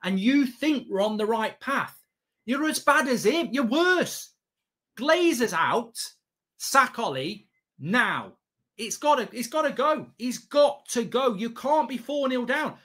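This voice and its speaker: A man's voice: extremely high pitch, lively intonation, unhurried, fairly bright tone. A man, reacting live to a football match as a watchalong host, exasperated, emphatic, repetitive and sweary. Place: small indoor studio set at a desk.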